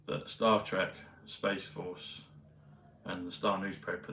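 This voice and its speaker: A man vlogging in a meandering, hesitant casual monologue full of pauses and fillers. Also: lowish voice, creaky, fairly bright tone, slight background noise. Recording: roomy, mic at a distance, faint ambience.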